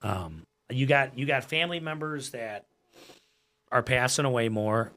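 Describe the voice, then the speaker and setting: A gym owner and coach, an American man in his forties, speaks a little slowly as a podcast guest, his medium-pitched voice expressive, pushed, and bright. His casual talk stays earnest and emphatic, with frequent repetition of phrases.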